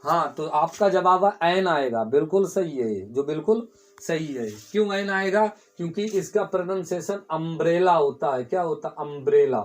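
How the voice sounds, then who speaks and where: High-voiced man teaching grammar. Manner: explains step by step, asks students questions and answers them himself; repeats key words for emphasis. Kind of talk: classroom grammar lesson.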